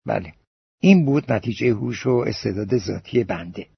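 A man's voice: fairly low pitch, animated, vocal fry, breathy edge, heavily acted. A male narrator voicing a boastful young man telling a tale to a café crowd, in an audiobook. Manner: grandiose, theatrical address. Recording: dull lo-fi recording.

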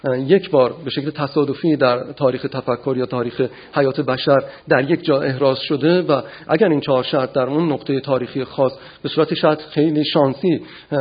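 A man giving an academic philosophy lecture, measured and often pausing to gather his thoughts. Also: mid-range voice, slightly rough, dull audio. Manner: measured, frequent hesitations.

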